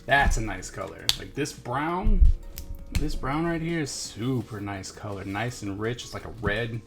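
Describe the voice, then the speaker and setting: With background music playing, a man hosting an art supply review series gives an informal hands-on review. He speaks at a measured pace in a medium-pitched voice, musing aloud and often repeating himself.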